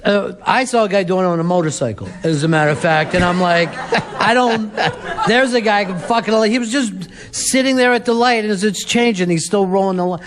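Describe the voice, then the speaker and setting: High-voiced man hosting a casual chat. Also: brisk, a crowd in the background. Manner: easygoing, swears casually. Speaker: host.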